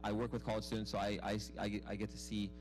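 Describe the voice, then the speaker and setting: At a public dialogue in front of a live audience, a young adult from Arizona who runs a mosque's youth programs talks informally about his own experiences, poking fun at himself and repeating words often. His voice is lowish and level, he talks fast, and music plays in the background.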